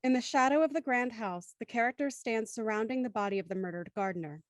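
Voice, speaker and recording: A woman with a slightly high voice speaks quickly in a dry recording. She hosts a live audio show, reading scripted narration and addressing her listeners directly in an organised way, serving as both host and narrator.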